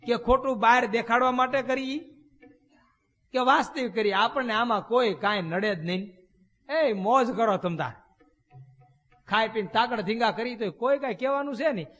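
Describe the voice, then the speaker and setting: High-voiced preacher in a reverberant hall. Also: male voice, a bit bright. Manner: folksy storytelling with rhetorical questions. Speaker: swami preacher. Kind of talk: storytelling sermon. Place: temple hall.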